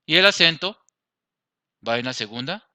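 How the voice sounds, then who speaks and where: A Colombian man teaches a grammar lesson, walking through each rule step by step and checking that his class is following. His voice is very bright and smooth. The recording is close and dry. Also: on the high side, expressive, moderate pace, no room sound. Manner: explains step by step, asks the class "¿listo?". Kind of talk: grammar lesson over slides.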